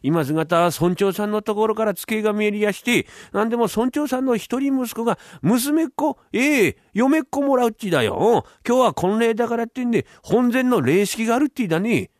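A man voicing excitable male villagers who talk in a rough country dialect. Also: sits high, fairly quick, hardly any pauses, no echo, clean studio sound, pitched above the performer's own voice. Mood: urgent. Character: excitable rustic male villagers, loud and alarmed.

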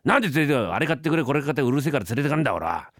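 A man voicing a gruff, grumbling father in a rakugo story, cursing at his son. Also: mid-range voice, very animated, rapid-fire, a bit bright, no echo, studio quality. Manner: gruff, grumbling and curse-laden.

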